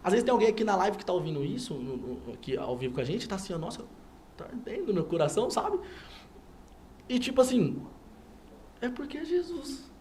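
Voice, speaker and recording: A man's voice: sits high, big pitch swings, a little fast, pauses often, a little mellow, slight background noise. A man, a guest on a TV talk show, telling a personal faith story and acting out everyone's lines. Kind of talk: animated personal testimony. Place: TV studio.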